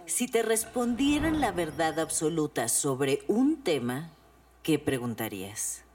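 A woman hosting a scripted quick-question segment with a brisk delivery. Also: low-pitched, very animated. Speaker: segment host. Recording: distant mic with music behind.

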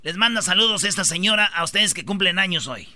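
Slangy radio host with a very bright voice. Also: male voice, sits high, animated, fast, dry recording, studio quality. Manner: slangy, storytelling, playful. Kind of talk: joking radio banter.

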